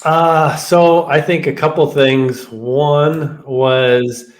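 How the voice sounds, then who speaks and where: A man co-hosting a casual sports podcast, laid-back and measured as he gives his takes. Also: fairly high pitch, steady tone. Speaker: podcast co-host.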